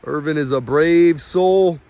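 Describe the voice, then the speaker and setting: A man's voice: fairly high pitch, takes it slowly, darkish tone. A man narrating his vlog casually, with informal, colloquial phrasing. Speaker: vlogger. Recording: faint ambient vehicle noise. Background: faint ambience, vehicle sounds.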